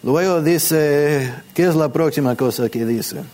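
A man teaching a church gathering in a conversational way, asking listeners questions and gently demonstrating how to pray. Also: on the high side, unhurried. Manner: patient, asks questions and demonstrates prayers softly.

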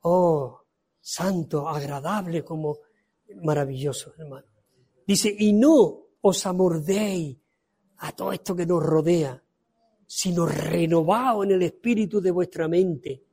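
A man preaching a fervent sermon, reading scripture aloud and swinging from loud emphasis to soft pleading. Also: fairly high pitch, slow pace, slightly rough.

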